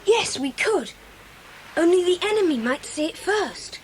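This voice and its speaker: Sensible child organiser, very high animated voice, children's radio drama. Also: female voice, unhurried, full character voice, rough recording. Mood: steady, thoughtful. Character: sensible, reassuring child taking charge of friends. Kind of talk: children's audio drama acting.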